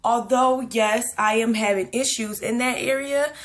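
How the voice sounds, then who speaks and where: A woman's voice: on the high side, unhurried. A young woman talking casually to her camera in a rambling pregnancy vlog, full of fillers and a little out of breath. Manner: chatty, rambling, many fillers. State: a bit out of breath. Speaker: vlogger. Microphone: camera at close range.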